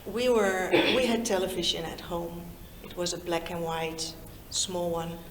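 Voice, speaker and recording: A Dutch-born woman in her fifties talks slowly and easily, pausing often as she speaks to a room full of young people. Her voice carries a roomy echo, with a faint hum of the room behind it. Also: fairly low pitch, steady tone. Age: 50s. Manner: slow, warm and chatty, draws in her listeners. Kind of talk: informal talk to young people. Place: meeting room in Lusaka.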